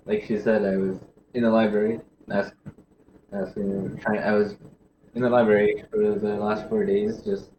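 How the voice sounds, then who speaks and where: A man with a lowish voice stammers and repeats himself while speaking in character in a murder mystery game. His mic picks up clear noise and a roomy echo, and the sound is dull. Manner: stammering, fumbling, repeats words.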